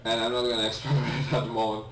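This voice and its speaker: His voice sits at medium pitch with a level, fairly bright tone and some vocal fry, and he talks rapid-fire. This young native Polish speaker with a Polish accent gives hesitant, apologetic let's-play commentary laced with ums and restarts. The sound is echoey, the mic distant, with a faint hum behind.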